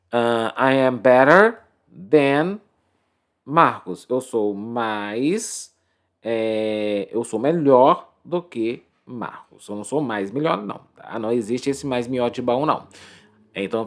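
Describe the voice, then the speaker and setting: Lively Brazilian man teaching English. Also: mid-range voice. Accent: Brazilian Portuguese. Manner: explains step by step, repeats words, keeps checking in. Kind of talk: online language lesson.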